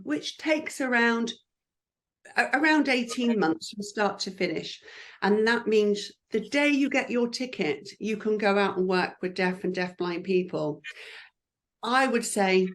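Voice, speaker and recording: A woman's voice: mid-range voice, unhurried. A woman who works as a lip speaker, chatting in an encouraging way about the job in an interview, with frequent fillers. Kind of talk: careers advice interview.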